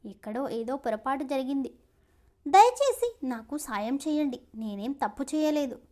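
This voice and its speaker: A woman voicing a frightened young woman pleading with police, high and near tears. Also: expressive, normal speed, dark tone.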